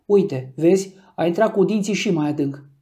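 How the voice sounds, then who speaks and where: A man voicing an angry, determined young man who shouts and gives orders, in an audiobook reading. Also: high voice, lightly acted. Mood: commanding. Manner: shouting, commanding.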